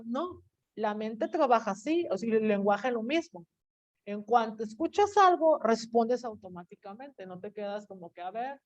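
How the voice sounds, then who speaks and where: A woman teacher, giving a lively classroom lecture and acting out what students might say. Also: mid-range voice. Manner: animated, acts out student quotes. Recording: dull lo-fi classroom recording.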